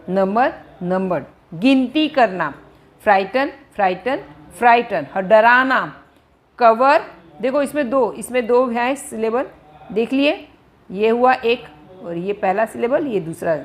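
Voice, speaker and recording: A woman teaches an English grammar lesson. Her voice sits a little high. She is patient, says every example word several times, and asks her students questions that she answers herself. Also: lively intonation, slow pace. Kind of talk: Hindi-language grammar lesson.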